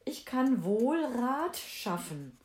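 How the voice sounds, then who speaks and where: Coaxing male frog from a storybook, as a woman reads him, insistent, calls out high, pitch swooping, slow and deliberate, roomy echo around the voice. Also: sing-song, darkish tone, heavily acted. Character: pleading talking frog, male, lowly. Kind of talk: fairy tale reading.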